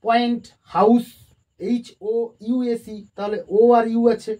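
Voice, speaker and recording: A grammar teacher giving a lesson at a board, who dictates definitions slowly word by word and then explains them, patiently repeating key terms. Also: mid-range voice, little pitch movement, warm tone.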